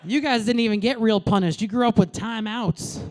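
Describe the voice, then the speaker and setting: A woman in her late thirties doing a stand-up comedy set on a club stage, brash and crude, with deadpan asides to the crowd. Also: a little high, normal speed. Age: late 30s.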